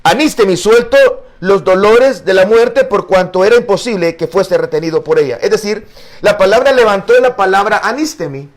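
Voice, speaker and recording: Speaking at a moderate pace with a voice that sits high, a man leads a Bible study as a pastor. He's earnest and keen to explain, repeats words, uses frequent fillers, and calls people brother.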